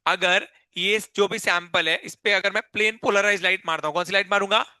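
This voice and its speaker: A male chemistry teacher lectures a live class in a high, crisp and very bright voice. He asks a question after nearly every line and makes students repeat each key term. The sound is close and dry. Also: steady tone, fairly quick, no room sound.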